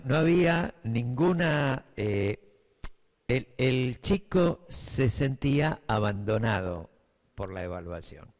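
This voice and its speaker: A middle-aged man from Buenos Aires lectures in the accent of that city, taking his time over every idea. His voice sits at an ordinary pitch, and he thinks aloud with fillers while often checking that his listeners follow. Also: a little mellow. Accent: Buenos Aires Spanish. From Buenos Aires, Argentina. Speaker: teacher giving a class. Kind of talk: lecture to teachers.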